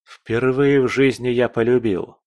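A man's voice: medium pitch, fairly even intonation, measured pace, a little mellow, no echo, clean studio sound, lightly acted. A man voicing an earnest young nobleman in love who speaks firmly and stubbornly.

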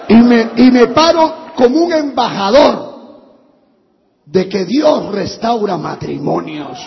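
High-voiced impassioned preacher in a hall. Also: male voice, vocal fry, a little hiss or hum. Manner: impassioned preaching with shouted praise. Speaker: pastor. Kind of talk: sermon. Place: large church hall. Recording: dull echoey church hall recording.

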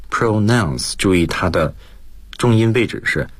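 A man's voice: on the low side, animated, unhurried, no echo. A male lecturer explaining English vocabulary and grammar on a radio lesson, mixing English terms into his Mandarin explanations. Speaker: guest lecturer, school principal.

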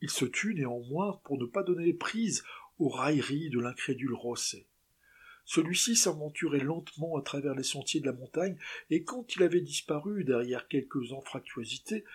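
A man reading a classic novel aloud as an audiobook narrator in steady, expressive storytelling. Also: fairly high pitch, breathy edge. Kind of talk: scripted narration.

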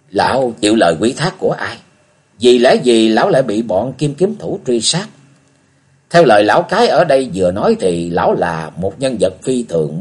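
A man narrating a martial arts novel as an expressive audiobook reader. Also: on the low side, slightly rough. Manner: expressive storytelling, acting out characters. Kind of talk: scripted narration.

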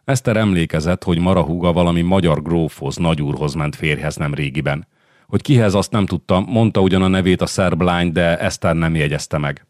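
Egy férfi nyugodt, kimért tempóban olvas fel egy történelmi regényt hangoskönyvként. Rendkívül mély a hangja, és a felvétel száraz, közeli. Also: male voice, low voice, a little mellow, no echo, studio quality. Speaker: audiobook narrator. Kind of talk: scripted audiobook narration.

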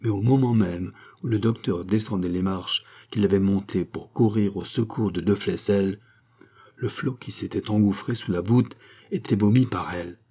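Low husky male audiobook narrator. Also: normal speed, warm tone. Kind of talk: scripted narration of a classic novel.

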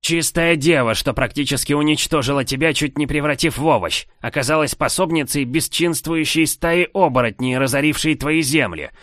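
A man's voice: mid-range voice, lively intonation, normal speed, dry recording, studio quality, voice pushed up, lightly acted. A man voicing an angry, domineering older king who scolds his nephew in a raised voice. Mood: indignant.

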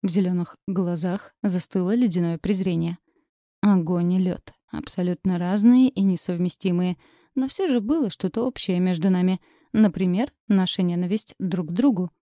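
A woman reads a first-person romance novel aloud in an expressive, steady storytelling manner. Her voice is dark and mellow, pitched a little low. The recording is dry and close-miked, with no room sound. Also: moderate pace, no room sound. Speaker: audiobook narrator. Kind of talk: scripted first-person narration.

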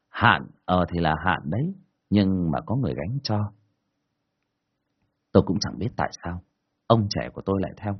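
In a dull, lo-fi recording, a man tells a ghost story in the first person, and his delivery is colloquial, earthy and expressive. His voice sits low and sounds slightly rough.

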